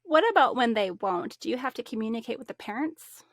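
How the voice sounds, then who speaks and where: A woman hosts a podcast, asking friendly questions in a slightly higher voice and answering with brief acknowledgements. The sound is dry and close. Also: expressive, a little fast, fairly bright tone, dry recording. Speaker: podcast host. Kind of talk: casual interview chat.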